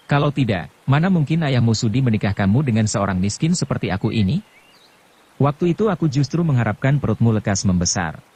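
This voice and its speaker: A man's voice: medium pitch, expressive, brisk, a little mellow, slightly rough. A man voicing an easygoing old male farmer who teases his wife in an audiobook. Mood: teasing. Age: older. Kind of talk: audiobook narration.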